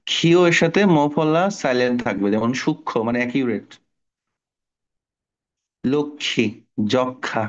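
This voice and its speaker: A man's voice: mid-range voice, normal speed, pauses often, lo-fi sound. A middle-aged man teaching an online spelling class to children, explaining patiently and asking the class questions.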